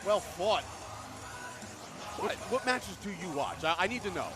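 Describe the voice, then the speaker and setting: A man giving excited live play-by-play commentary on wrestling, often exasperated and argumentative. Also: high voice, a little fast. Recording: loud music behind the voice.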